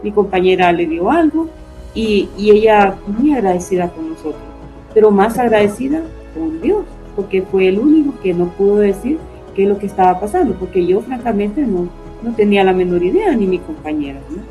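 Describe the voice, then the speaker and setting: A woman's voice: mid-range voice, animated, normal speed, mellow, faint music behind, rough recording. A woman giving an earnest personal faith testimony as a panelist, often adding tag questions.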